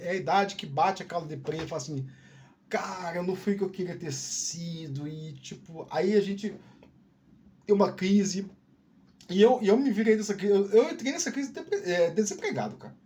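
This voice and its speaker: A man's voice: high-pitched, dark tone, slight background noise. A middle-aged man with a Northeastern Brazilian accent who hosts a channel. He talks to camera in a candid, rambling way, with restarts and "né, cara" tags. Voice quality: drawling speech. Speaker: YouTube channel host. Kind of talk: casual solo talk to camera.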